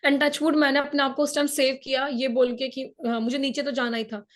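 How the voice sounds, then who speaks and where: A woman from India speaks in a high voice while recounting her climb in an interview. She has a sore throat that leaves an edge on her voice. Her telling is earnest, with English words slipping into her speech. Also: little pitch movement, normal speed. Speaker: mountaineer guest. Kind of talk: interview, personal storytelling.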